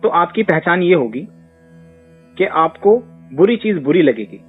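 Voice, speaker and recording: Husky, high-pitched and very animated, a man speaks without hurry as he plays therapist in a Q&A. His conversational advice leans hard on emphatic rhetorical questions. Faint music plays beneath tinny, phone-like audio.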